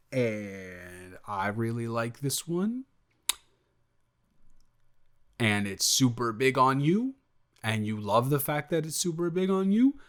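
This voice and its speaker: In a cozy romantic audio roleplay, a man plays a young male roommate who is smitten. His mid-pitched voice moves slowly and without hurry as he rambles casually, interrupts himself, and answers his own questions, sheepish but playfully defensive.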